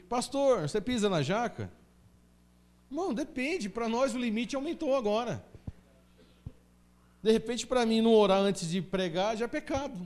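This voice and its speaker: Lively high-voiced Brazilian pastor preaching. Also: male voice. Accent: Brazilian Portuguese. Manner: emphatic preaching with rhetorical questions. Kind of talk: sermon. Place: church.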